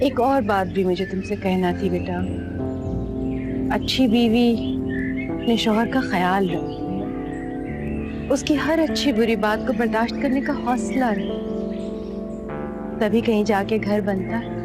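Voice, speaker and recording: An actress gives voice to a middle-aged mother with a Pakistani Urdu accent. She speaks in a soft, measured and motherly way, in a voice of middle pitch, while drama music plays behind her. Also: natural voice. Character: gentle, grave middle-aged mother advising her children. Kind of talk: TV drama acting. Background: background music.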